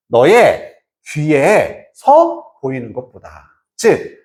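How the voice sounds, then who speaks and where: An English teacher works through a reading passage in Korean, reading each English phrase slowly and then translating it. The delivery is unhurried and lively in pitch, rising and falling a lot. Frequent check-ins with the class keep it conversational. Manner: asks students frequent rhetorical check-in questions.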